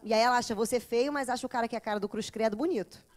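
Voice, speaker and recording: A woman, a therapist lecturing a class in a lively way, often acting out children and mothers. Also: fairly high pitch, rapid-fire. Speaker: teacher of a psychology course.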